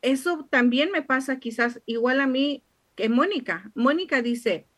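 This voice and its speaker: A woman with a somewhat high voice hosts a talk show in a casual tone. She reads out viewer comments and asks light, playful questions. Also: animated, a little slow, fairly bright tone.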